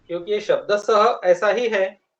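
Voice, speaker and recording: Slow, patient male Sanskrit teacher. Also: sits high, fairly even intonation, fairly bright tone, dull audio. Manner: patient, spells words out slowly. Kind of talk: classroom explanation. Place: classroom with children.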